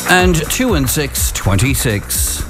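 An Irish man working as a radio bingo caller, deliberately announcing digits and then full numbers. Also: mid-range voice, very animated, poor audio. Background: music bed.

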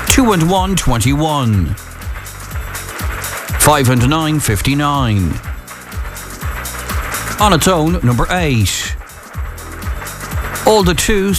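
An Irish man working as a radio bingo caller, announcing numbers in formulaic pairs. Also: a little high. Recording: music bed behind voice. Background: music.

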